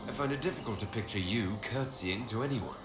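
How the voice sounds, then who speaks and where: A man's voice: fairly low pitch, fairly quick, heavy background noise, natural voice. An actor playing an earnest, skeptical male hero in a video game, direct and dryly wry. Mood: questioning, dry. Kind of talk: video game dialogue acting. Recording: echoey game audio under music.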